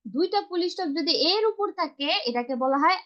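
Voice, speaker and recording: A woman's voice: very high-pitched, lively intonation, brisk. A woman teaching a language class over a video call, patiently repeating and spelling out each letter. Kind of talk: online class instruction. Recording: dull lo-fi video call audio.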